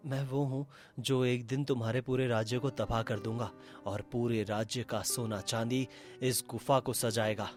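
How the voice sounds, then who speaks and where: A man's voice: fairly even intonation, moderate pace, soft background music, natural voice. A man voicing a boastful, threatening sorcerer in a cartoon story. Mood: menacing. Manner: low, threatening and gloating. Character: menacing male sorcerer, boastful villain.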